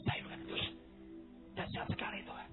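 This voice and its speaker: A man preaching a sermon, telling stories animatedly, acting out the dialogue and shouting at the high points. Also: fairly quick. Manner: animated storytelling, acts out dialogue, shouts at climaxes. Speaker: pastor. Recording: tinny phone-like sound with faint music.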